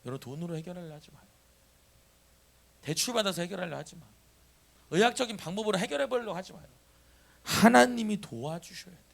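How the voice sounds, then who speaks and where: A man's voice: sits high, a little fast, vocal fry, long pauses. A man preaching a sermon as pastor, calling on the congregation to answer and repeat after him. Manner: animated, calls for congregation responses. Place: church sanctuary.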